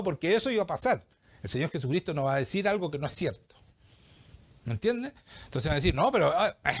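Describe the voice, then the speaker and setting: Animated Chilean preacher man. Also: mid-range voice. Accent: Chilean Spanish. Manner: animated, acts out quoted voices, asks the congregation questions. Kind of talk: sermon.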